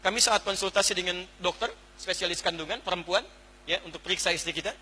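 A man preaching an Islamic lecture to a congregation, animated, going from hushed to exclaiming and putting questions straight to the audience. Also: sits high, fast talker, breathy edge. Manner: addresses the audience directly with questions. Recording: echoey hall.

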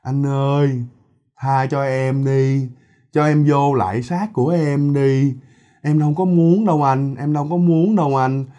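A man voicing a female ghost, a flying severed head, who begs her husband tearfully and slowly. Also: mid-range voice, steady tone, dark tone, lo-fi sound, close to an everyday voice. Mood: slow pleading. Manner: pleading, tearful, drawn-out.

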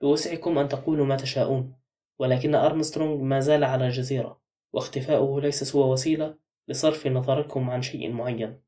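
A man's voice: medium pitch, steady tone, fast, mellow, far from the mic, natural voice. A man voicing a tense, insistent young woman, talking with urgency.

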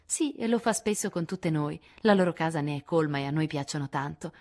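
A woman's voice: deep voice, lively intonation, brisk, a little mellow. A woman as a modest, teasing teenage girl. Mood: defensive.

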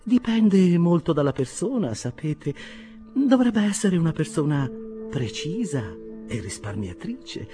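A man's voice: fairly high pitch, big pitch swings, unhurried, warm tone, faint music behind, voice pushed up. A man reading an audiobook and voicing a flustered, gushing middle-aged landlady who speaks in a breathless, overwrought way. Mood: fluttering.

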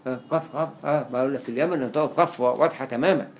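A man with an Egyptian accent giving a classroom lecture, quickly listing examples and repeating words for emphasis. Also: medium pitch, a little hiss or hum. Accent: Egyptian Arabic. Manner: explains quickly with many examples, repeats words to stress them. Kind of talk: classroom lecture on Arabic spelling.

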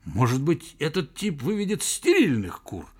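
A man reading the part of an irritable, scornful male zoology professor who fires off sharp, angry questions. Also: medium pitch, sing-song, a little slow. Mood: heated.

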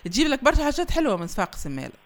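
A woman's voice: high voice, very animated, racing. Tunisian woman radio host; rattles along at top speed, playful and teasing with callers. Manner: chatty, teasing, laughs often. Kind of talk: casual chat with a young caller on air.

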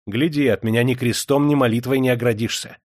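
A harsh, domineering young heir played by a man snarls his threats loudly. The voice sits higher than his narration and stays hard and menacing. The recording is dry and close. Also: steady tone, brisk, no room sound, natural voice. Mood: furious.

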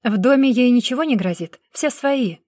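A woman voicing a protective young husband who speaks steadily and urges calm. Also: fairly high pitch, normal speed, no room sound, clean studio sound. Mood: firm.

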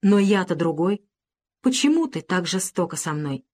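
A woman's voice: lowish voice, very animated, normal speed, darkish tone. A woman voicing a young man in an audiobook, a fervent, coaxing suitor pressing his affections.

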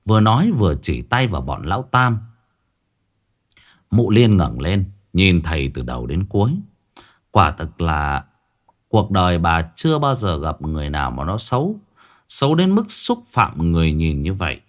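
A man's voice: deep voice, sing-song, moderate pace. A male storyteller narrates a ghost story. His voice rises and falls a great deal as he paints each scene vividly.

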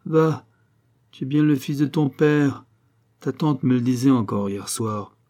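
A man voicing a small, bossy middle-aged mother who scolds her grown son without pause. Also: medium pitch, dark tone, pitched above the performer's own voice, lightly acted. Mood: scolding. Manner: rapid-fire scolding.

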